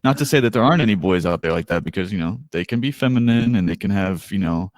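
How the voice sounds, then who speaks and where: Low-voiced man hosting a casual chat. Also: expressive, fast talker, no echo, clean studio sound. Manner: chatty, laughs often, hesitant with fillers. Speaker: podcast co-host.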